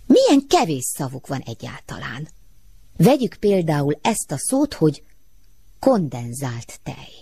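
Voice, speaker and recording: A woman reading the lines of a grumbling, drowsy male teddy bear in a storybook, with a husky, low voice. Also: huge pitch swings, dark tone, no room sound, exaggerated voice. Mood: sleepy musing.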